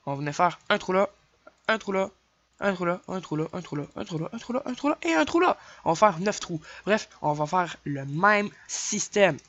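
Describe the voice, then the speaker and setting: A man's voice: high-pitched, very animated, moderate pace, a bit bright, no echo. Young male tutorial maker, Québécois accent, casual and chatty, counts clicks aloud, lo-fi dry recording. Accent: Québécois French. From Quebec. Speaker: game tutorial creator. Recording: dull lo-fi dry home mic.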